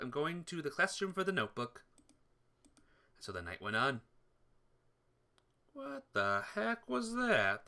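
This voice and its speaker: With game music in the background, a man plays a visual novel on stream, reading its text aloud and chatting casually, occasionally tripping over a line and correcting himself. His voice is fairly high and sharp.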